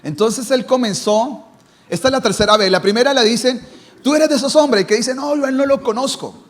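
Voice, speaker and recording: A pastor preaches a sermon at a fairly quick pace, asking rhetorical questions. He shifts between strong emphasis and a low, hushed tone.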